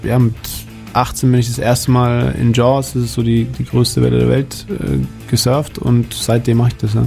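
A man from Nuremberg talks as a radio interview guest, his dark, mellow voice staying level and even. He speaks thoughtfully, pausing on fillers as he searches for words, with faint music under him. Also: medium pitch, vocal fry. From Nuremberg, Germany. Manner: thoughtful, hesitant with many fillers. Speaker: guest, big wave surfer.

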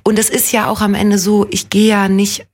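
A husky-voiced woman in her thirties, from Munich, talking casually as an interview guest. She is chatty and self-deprecating, restarting sentences and dropping fillers as she goes. Her pitch sits in a middle range. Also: monotone, moderate pace. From Munich, Germany. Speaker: guest actress.

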